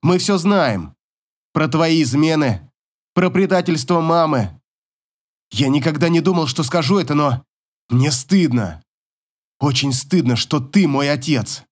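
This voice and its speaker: A bitter, defiant teenage boy in an audiobook, played by a male narrator. He barks his lines with a lifted, lively voice. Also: on the high side, measured pace, pauses often. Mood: ashamed. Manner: defiant, barking.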